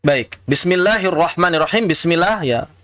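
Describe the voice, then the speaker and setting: A man with an Indonesian accent teaching Quran recitation rules, slowly demonstrating right and wrong pronunciations with lively teacherly emphasis. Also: on the high side, dry recording. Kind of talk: tajwid lesson with recited examples.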